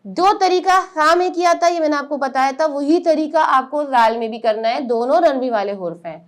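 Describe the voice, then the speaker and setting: A woman whose voice sits high teaches how to pronounce the letters of the Quran, one step at a time. She explains things patiently before voicing each letter sound slowly and loudly, drawing it out.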